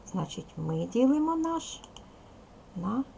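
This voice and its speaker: Woman, primary school teacher, video lesson for young children, patient step-by-step explaining, slightly gravelly voice. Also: on the high side, sing-song, slow, mellow, slight background noise. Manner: addresses pupils as little children. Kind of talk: recorded video lesson for second graders.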